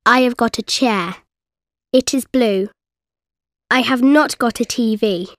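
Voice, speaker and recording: A woman voicing a young girl character, reading a simple course-book text slowly with clear, careful diction. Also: fairly high pitch, a bit bright, no echo, clean studio sound. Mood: calm. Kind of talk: slow scripted textbook reading.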